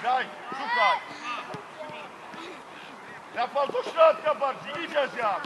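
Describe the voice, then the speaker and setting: A man coaching a youth football team from the touchline, shouting urgent short commands and players' names outdoors. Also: extremely high pitch, sing-song, slow. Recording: noisy outdoor crowd recording. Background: crowd and street noise.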